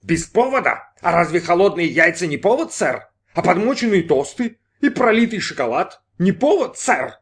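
A man's voice: on the high side, expressive, a little fast, voice pushed up. A man voicing a short-tempered, nervous businessman in an audiobook, snapping and defensive. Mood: irritable. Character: irritable, jumpy male businessman, short-tempered.

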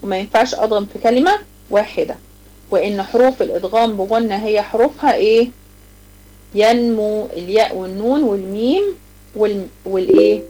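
A woman with an Egyptian Arabic accent teaching a live online tajweed lesson to girls. She explains each rule step by step, asks her students questions, and recites the examples slowly and drawn out. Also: medium pitch, mellow, poor audio.

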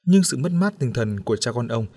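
A man narrating an audiobook story in a steady, even storytelling manner. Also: mid-range voice, a little fast.

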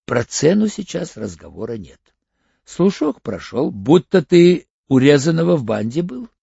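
Man reading a curt, gravelly ex-convict. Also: fairly high pitch, sing-song, unhurried, dark tone, no echo, highs cut off, exaggerated voice. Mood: hard, curt. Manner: blunt, clipped, threatening. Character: tough hardened male ex-convict, curt and cool.

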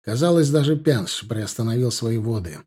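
A man narrating a novel in the first person as an audiobook reader, in a steady, measured way. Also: medium pitch, slightly rough.

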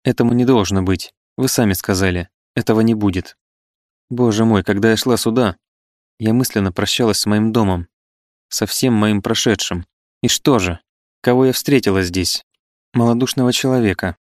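A man's voice: lowish voice, moderate pace, no echo, studio quality, lightly acted. A man voicing a proud, wounded eighteen-year-old woman who speaks with impassioned reproach. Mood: reproachful. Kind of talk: audiobook character reading.

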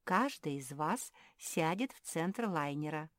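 A woman's voice: low-pitched, animated, slow pace, no room sound, studio quality. Brief: woman reading a polite, regal king of bats giving orders. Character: stately male bat king, calm and commanding.

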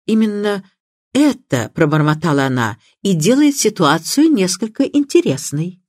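A woman reading the part of an elderly spinster detective, mild and precise, with a lively voice. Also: fairly low pitch, moderate pace, no room sound, clean studio sound. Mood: musing. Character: shrewd gentle elderly spinster sleuth.

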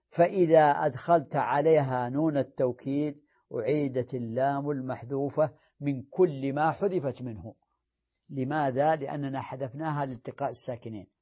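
Man drilling grammar in a lo-fi lecture. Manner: recites paradigms in a sing-song drill, then explains in a lower voice; corrects himself mid-sentence. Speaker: sheikh teaching Arabic morphology. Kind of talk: classroom grammar lesson. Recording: dull lo-fi lecture recording.

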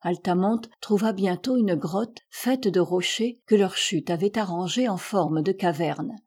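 Woman reading an audiobook, steady and measured, kinda husky. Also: mid-range voice. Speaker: audiobook reader. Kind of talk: literary audiobook narration.

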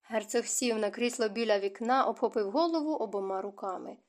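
A woman reading a novel aloud as an audiobook narrator, in a steady, expressive manner. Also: fairly high pitch, fairly quick.

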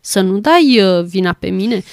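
A woman reading the lines of a stern ghostly spirit in a storybook, calm and firm. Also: medium pitch, dry recording, clean studio sound, lightly acted. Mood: reproachful.

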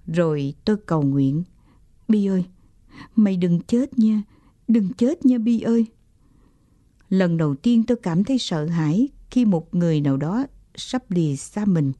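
A woman narrating a childhood story in a gentle, steady reading voice. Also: medium pitch, dry recording.

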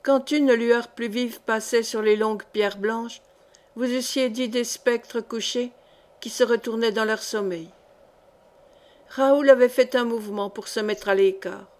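A woman reading a historical novel aloud as an audiobook narrator, measured and expressive. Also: a little high. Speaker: audiobook reader. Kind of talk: scripted narration.

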